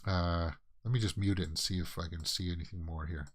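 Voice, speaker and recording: Man, Canadian accent, low-pitched, movie news host, rambling casual commentary, many fillers. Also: fairly even intonation, brisk.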